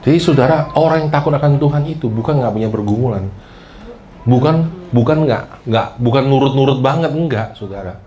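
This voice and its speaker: A pastor delivers a lively, joking sermon, acting out the prayers he quotes and frequently speaking straight to his listeners. His voice sits in the mid range and moves a little fast.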